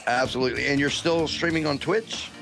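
A co-host of a talk show asking quick, friendly follow-up questions. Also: medium pitch, gravelly, music in the background. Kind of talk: casual chat.

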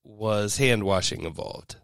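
A man co-hosting a podcast in casual chat, cracking deadpan jokes with hesitant starts and slow punchlines. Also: lowish voice, smooth, no room sound, studio quality. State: drinking. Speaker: podcast co-host.

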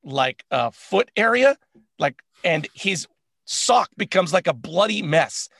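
A man co-hosting a casual sports chat, animated and laughing often, with lots of filler words. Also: high voice, slow, vocal fry, no echo, clean studio sound. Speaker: co-host.

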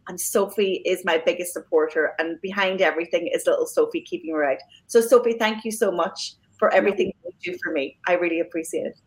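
A woman's voice: lowish voice, a little fast, few pauses, low-quality recording. Chatty woman hosting a podcast. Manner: warm thanks with fillers and restarts. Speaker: podcast host. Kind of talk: casual podcast chat.

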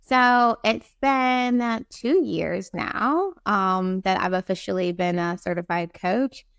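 Woman guest from Barbados, slightly gravelly, dry close sound, upbeat and chatty. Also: medium pitch, slow, fairly bright tone, no room sound. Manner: chatty, many fillers, upbeat. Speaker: guest, time management coach. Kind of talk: casual interview talk.

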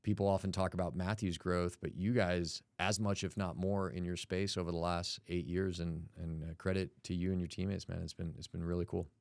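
A man's voice: sits low, flat delivery, a little fast, creaky, few pauses, darkish tone, no echo, clean studio sound. A man hosting a podcast interview in a casual, conversational style, with informal, teasing banter. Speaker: podcast host interviewing a guest.

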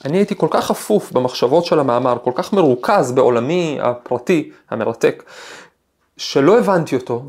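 A man's voice: fairly high pitch, darkish tone. A man hosting a podcast, a professor giving a reflective talk with a personal anecdote and frequent hesitations. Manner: thoughtful, storytelling, frequent hesitations.

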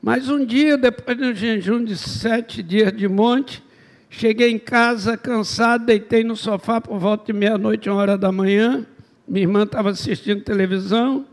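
A man's voice: high voice, steady tone, normal speed. A man, a missionary preacher telling a humorous testimony and acting out the dialogue.

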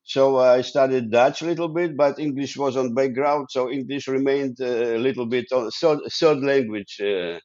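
Halting middle-aged Ukrainian-born man, dull dry audio. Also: medium pitch, darkish tone, no echo. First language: Russian. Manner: halting, many fillers and restarts, non-native phrasing. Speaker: guest, founder of an online professional community. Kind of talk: casual interview conversation.

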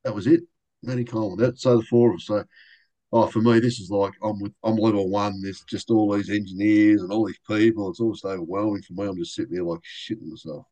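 An older man talks in a low, relaxed voice as he tells racing stories on a podcast. He jumps into quoted voices now and then and keeps the tone casual and chatty. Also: fast, poor audio. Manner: animated anecdotes with quoted voices. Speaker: racing driver guest. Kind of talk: casual storytelling interview.

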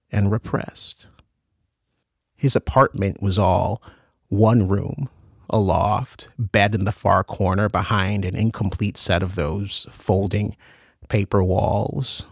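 A man narrating a dark story in a measured, unhurried audiobook read, recorded close and dry. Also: fairly low pitch, gravelly, husky, no room sound.

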